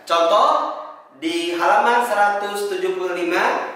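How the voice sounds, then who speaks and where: A high-pitched man with an Indonesian accent gives a reading lesson in a very echoey room. He over-enunciates like a careful teacher, stretching out syllables for demonstration, and sits some way from the microphone. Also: measured pace, pushed and bright, recorded from a distance. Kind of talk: instructional lesson with chanted examples.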